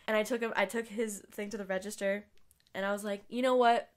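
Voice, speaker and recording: A young woman co-hosting a podcast, chatting casually and telling work stories, acting out what people said and trailing off softly at times. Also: medium pitch, level tone, fast. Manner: storytelling, acts out quotes, trails off softly. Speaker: podcast co-host. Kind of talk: casual chat.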